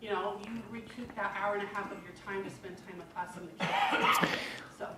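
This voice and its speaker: A woman's voice: mid-range voice, fairly even intonation, fast talker, a crowd in the background. A woman on a coaching team sharing a personal example in a group session, in a casual, chatty way. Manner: casual, chatty, laughs while telling. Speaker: workshop team member. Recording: distant, roomy, noisy room audio.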